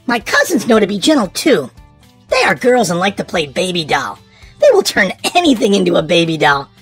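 A woman with a medium-pitched voice reads a kids' storybook in a lively, sing-song style, a little fast, emphasizing important words for little ones. Faint music plays behind her.

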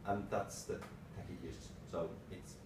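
A man gives a casual slide talk in a low-pitched voice, speaking in short, broken phrases. He is picked up from across a small meeting room, with plenty of room reflection and clearly audible noise. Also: little pitch movement, unhurried. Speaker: tech presenter, developer. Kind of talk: informal slide presentation, lightning talk. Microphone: far camera microphone. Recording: roomy, distant mic with clear background noise.

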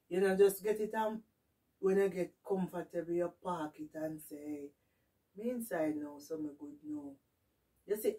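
A woman's voice: on the low side, a little mellow. A middle-aged woman with a Jamaican accent chatting casually to camera, giving advice emphatically, repeating her points and slipping into Patois. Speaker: vlogger. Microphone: distant camera mic. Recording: distant camera microphone in a room.

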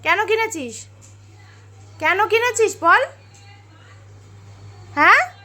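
A woman, a mother, talking to her small child in a home vlog, gently coaxing and mildly scolding. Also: very high voice, expressive, slow pace.

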